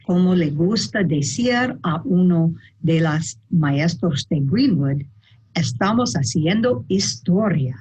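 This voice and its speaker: A woman with an American accent in Spanish, a native English speaker, giving a prepared welcome speech as a school principal with halting, careful reading. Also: fairly low pitch, a little mellow, slightly rough, low-quality recording.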